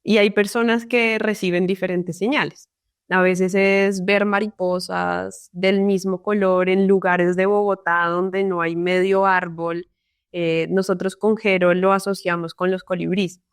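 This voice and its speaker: Smooth-voiced Colombian woman, reflective. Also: mid-range voice, flat delivery, unhurried, no room sound, studio quality. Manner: reflective, tags sentences with "¿no?". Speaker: psychologist guest. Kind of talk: casual interview conversation.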